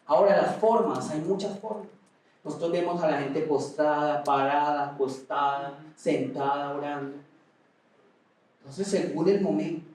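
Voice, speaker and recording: A man preaching a sermon with passion, at times raising his voice almost to a shout. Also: a little high, a little slow. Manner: impassioned preaching, rising to near shouts at times. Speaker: pastor. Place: large echoey auditorium. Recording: echoey hall, mic at a distance.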